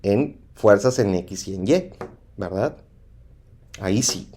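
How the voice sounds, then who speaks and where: Man, Mexican accent, engineering teacher, mellow low voice, checks in often. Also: animated, slow, slight background noise. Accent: Mexican Spanish. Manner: repetitive, asks "¿sí?" to check understanding. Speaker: engineering instructor. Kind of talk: lecture over slides.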